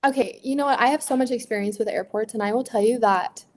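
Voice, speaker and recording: A woman's voice: fairly high pitch, fast. Woman guest, casual and talkative, quotes herself mid-story. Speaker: guest wedding photographer. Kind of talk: casual podcast chat.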